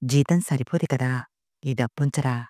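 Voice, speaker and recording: A woman's voice: a bass voice, normal speed, warm tone, no room sound, clean studio sound. A woman voicing a retired old mother who speaks with care and worry in a storybook reading. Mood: tender. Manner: pleading, caring.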